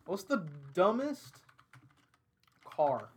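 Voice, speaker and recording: A woman's voice: medium pitch, very slow, slightly rough. Giggly woman asking crude podcast questions. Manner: profane, giggly, lively. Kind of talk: crude casual banter.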